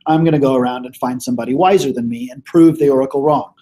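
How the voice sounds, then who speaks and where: A man's voice: medium pitch, fast talker, mellow, natural voice. A teacher lightly putting on an older Greek thinker who is humbly puzzled by everyone around him. He talks in an easy, everyday way. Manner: casual, breezy retelling of the figure's thoughts.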